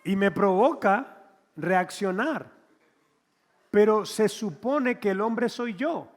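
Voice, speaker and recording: A man, a pastor preaching an animated, conversational sermon and acting out little scenes. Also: high voice, takes it slowly, in a large hall. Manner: animated, conversational, acts out quotes.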